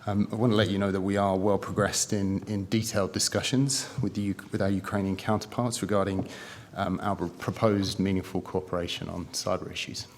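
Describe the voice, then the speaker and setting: Deep-voiced man giving guarded testimony. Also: level tone, brisk, hardly any pauses, long reverb tail, slight background noise. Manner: careful, guarded official answers. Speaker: government official giving evidence. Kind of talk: formal testimony.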